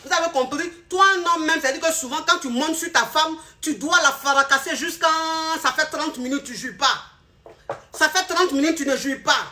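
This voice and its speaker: A woman's voice: sits high, a little fast, hardly any pauses, pushed and bright. A woman in casual live sales talk, addressing viewers directly and mimicking voices. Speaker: seller of remedies and coach.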